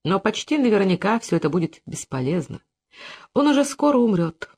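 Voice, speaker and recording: Expressive, lively audiobook narrator. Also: medium pitch, a little fast, slightly rough. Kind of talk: scripted literary narration.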